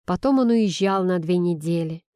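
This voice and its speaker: A woman's voice: on the low side, expressive, normal speed, warm tone, smooth, dry recording, lightly acted. A woman voicing a caring young female friend who talks in a soothing, persuasive way, recorded dry and close. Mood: confiding. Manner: coaxing and soothing.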